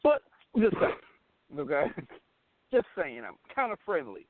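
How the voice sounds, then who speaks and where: This middle-aged American man, hosting a radio show, has a slightly high voice whose pitch swoops wildly, and he talks a little slowly. His manner is casual, candid, blunt and emphatic, full of repeated phrases. Slight background noise sits under tinny, phone-like band-limited audio.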